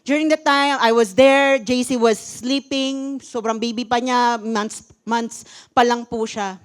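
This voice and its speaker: At a church service, a woman pastor preaches to her congregation in a fairly high, smooth voice, speaking slowly with a steady tone. She tells her own story expressively, mixing Tagalog with English.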